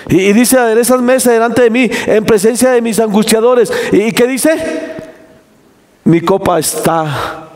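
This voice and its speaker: A male pastor preaching a sermon, asking the congregation questions and shouting for emphasis. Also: extremely high pitch, steady tone, moderate pace, long reverb tail. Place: church hall.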